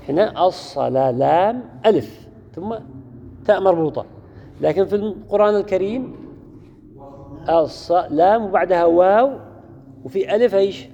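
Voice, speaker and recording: This lesson on Quran orthography is led by a man with a high-pitched but dark voice marked by vocal fry; he speaks at a moderate pace and pauses often. He repeats key words and asks his students questions, all in a dull, lo-fi recording from a reverberant hall.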